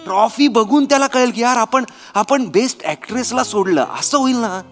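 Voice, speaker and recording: A man's voice: very high voice, normal speed, a bit bright, faint music behind. A man acting as an exasperated director in a comedy skit, alternately scolding and coaxing. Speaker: comedy sketch actor playing a director.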